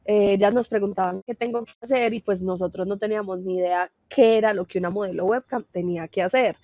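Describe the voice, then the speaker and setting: A woman calmly recounting her first experience at work in a matter-of-fact way. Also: mid-range voice, fast, no echo, highs cut off. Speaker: webcam studio worker guest. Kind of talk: casual storytelling.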